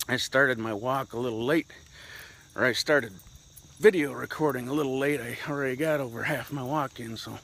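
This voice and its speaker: In a casual outdoor walk-and-talk, a middle-aged vlogger rambles and reflects, slightly winded from walking uphill. He speaks at a medium pitch and normal speed in a voice that is a bit bright, and the recording carries a little hiss or hum.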